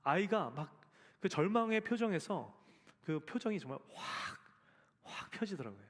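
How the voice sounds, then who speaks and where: Lively high-voiced pastor in a church hall. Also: male voice, moderate pace. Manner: storytelling, acts out quoted voices; addresses the congregation directly. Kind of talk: sermon. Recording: long church reverb.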